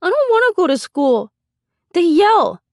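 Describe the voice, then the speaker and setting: A woman voicing a sad, whiny three-year-old boy who drags out his complaints in a high childish voice. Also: sing-song, dry recording, studio quality, heavily acted. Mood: upset. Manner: whining, drawn-out childish complaints.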